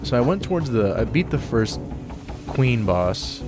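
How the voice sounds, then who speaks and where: A man's voice: mid-range voice, very animated, a little slow, music in the background. A young man giving laid-back, rambling let's play commentary as a game streamer, with casual swearing. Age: young adult. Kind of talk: casual let's play commentary, some dialogue read aloud.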